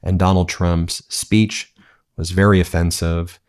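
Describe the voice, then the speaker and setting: A man's voice: sits low, level tone, unhurried, a little mellow. A man hosting political commentary, talking in an indignant, incredulous way.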